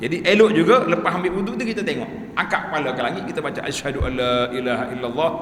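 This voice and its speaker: Malaysian Malay preacher in an echoey hall. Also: male voice, fairly high pitch, rapid-fire. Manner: lively, conversational, leads the group in chanted prayers. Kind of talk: religious study-circle lecture. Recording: echoey hall with faint background noise.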